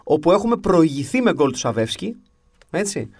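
Wry grumbling man, a bit high, dry. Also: no room sound. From half English. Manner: wry, grumbling humor, animated storytelling. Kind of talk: casual chat.

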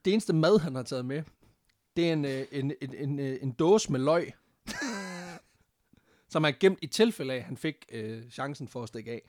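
A man's voice: mid-range voice, lively intonation, pauses often, darkish tone, no room sound, clean studio sound. A man casually telling a history story on a podcast, laughing often and swearing freely, with English phrases mixed in.

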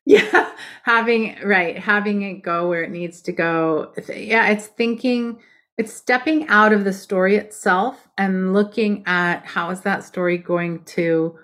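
A woman's voice: mid-range voice, steady tone, unhurried, a bit bright. A woman book coach chatting as a podcast guest, emphatic and direct about how writing should be done. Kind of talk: casual podcast conversation.

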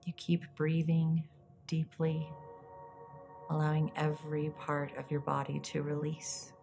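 Low, slow woman guiding a soft meditation. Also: monotone, gravelly, music in the background. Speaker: guided meditation podcast host.

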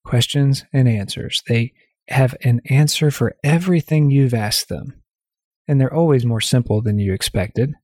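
A man leading a guided visualization, talking gently and calmly in the second person with unhurried pauses. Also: mid-range voice, no echo, clean studio sound. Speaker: meditation guide.

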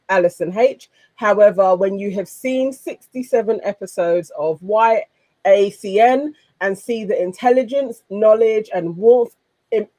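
A woman's voice: medium pitch, warm tone, dry recording, poor audio. Woman hosting, close dry sound. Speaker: panel show host. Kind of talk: casual chat and reading out viewer comments.

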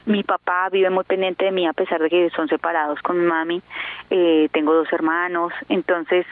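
Over a tinny phone line with no room sound, a thirtysomething woman shares an emotional personal testimony as an interview guest. She speaks earnestly and hesitantly with lots of fillers, her lowish voice flat and at normal speed.

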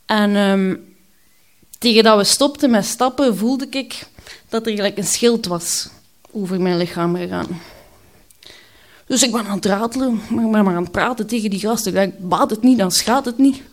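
A woman with a Flemish accent telling a personal story, candid and halting, with many pauses and hesitations. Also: medium pitch.

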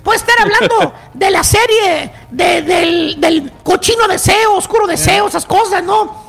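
A man with a Mexican accent hosting a comedy radio show, mocking and rowdy, often breaking into shouts. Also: very high voice, unhurried, vocal fry.

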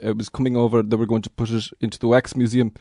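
A man playing an old Irish storyteller, earnest and absurd, with a lilting, wistful, halting delivery in an improvised comedy interview. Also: medium pitch, level tone, dark tone, dry recording, clean studio sound, lightly acted. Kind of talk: improvised comic interview in character.

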